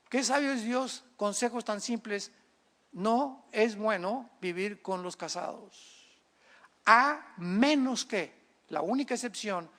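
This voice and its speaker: Man, preacher, sermon, high-pitched, humorous, animated storytelling. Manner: lively, humorous, acts out quoted people. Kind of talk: sermon on marriage.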